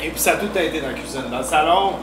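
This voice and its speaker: A man with a Québécois accent hosts a live cooking stream in a playful, rambling way. His voice sits fairly high. The kitchen sounds echoey, with steady noise in the background. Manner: playful, rambling, quick asides. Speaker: host of a live cooking show. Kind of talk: casual live-stream chat. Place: home kitchen.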